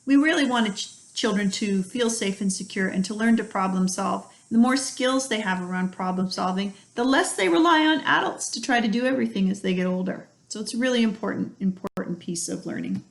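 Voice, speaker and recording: A woman's voice: mid-range voice, lively intonation, a little fast, gravelly, hardly any pauses. A middle-aged woman speaks as an early childhood educator, guiding parents through practical tips. Her delivery is friendly and down-to-earth, and she explains each idea with everyday examples. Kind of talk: instructional talk to parents.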